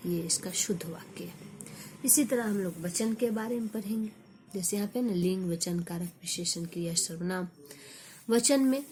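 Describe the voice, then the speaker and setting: A woman teaching a grammar lesson, slowly repeating example sentences for her students. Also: mid-range voice, mellow.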